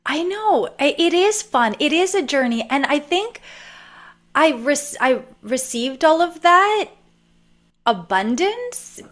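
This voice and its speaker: A woman's voice: high-pitched, big pitch swings, slow, a bit bright. A woman from Canada, a podcast guest and author, telling a personal story in a chatty, rambling way with many fillers. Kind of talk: casual storytelling interview.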